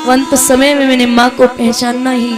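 Woman doing a cold scornful young officer guy, harsh, high voice, music behind. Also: flat delivery, normal speed, natural voice. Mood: remorseful. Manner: harsh, dismissive. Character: arrogant young male officer, scornful son.

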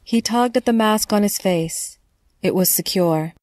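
A woman tells a scripted horror story in a measured, dramatic way. Her mid-range voice has a darkish tone, and the clean studio recording carries no room sound.

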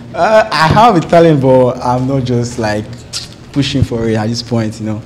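A man, a dating game contestant, talking in a relaxed, rambling way full of fillers. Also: mid-range voice, normal speed, slight background noise. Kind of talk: casual chat.

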